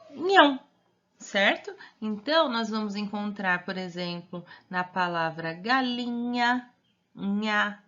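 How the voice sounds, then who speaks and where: A woman teaching a remote primary school class, speaking slowly and patiently and stretching out syllables. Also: medium pitch, sharp tone. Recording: dull lo-fi audio.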